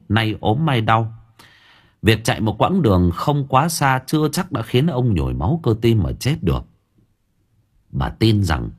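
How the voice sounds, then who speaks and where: A man narrating a spooky village story dramatically, dropping to hushed lines and rising again. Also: husky. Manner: dramatic, swinging between hushed low lines and raised ones. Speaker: audiobook narrator.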